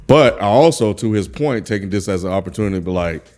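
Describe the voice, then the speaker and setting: A man's voice: on the low side, lively intonation, quick pace, a little mellow, soft background music. A man co-hosting a casual hip-hop podcast roundtable, speaking bluntly and with strong opinions. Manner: blunt, opinionated, self-described grumpy critic. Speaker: podcast co-host.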